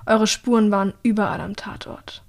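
A woman reading an audiobook, voicing a nervous, scarred young female field worker with a thin, quiet voice. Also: mid-range voice, flat delivery, moderate pace, close to an everyday voice. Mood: guarded. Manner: nervous, guarded.

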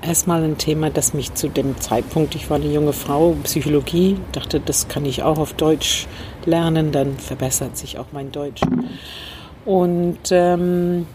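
Outdoors on a city rooftop terrace, a low-pitched woman from Northern Ireland, a communication trainer, talks as an interview guest. She thoughtfully recounts her past with pauses and fillers. Faint traffic and a passing train can be heard behind her.

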